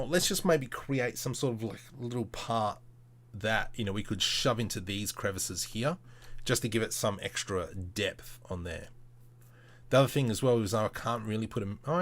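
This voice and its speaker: A man with a lowish, slightly bright voice hosts a casual livestream demonstrating 3D modelling. He thinks aloud while working, muttering to himself in an informal, playful way.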